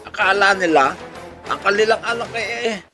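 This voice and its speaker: A radio-style channel host with a Filipino accent spins a comic story, his high, bright voice carrying a forceful tone at normal speed. He keeps things playful and chuckling, full of rhetorical questions, with music behind him.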